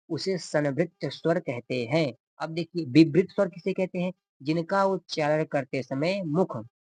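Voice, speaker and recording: A man's voice: fairly high pitch, darkish tone, slightly rough. A male teacher giving a grammar lecture, repeating definitions and asking the class questions before answering them himself.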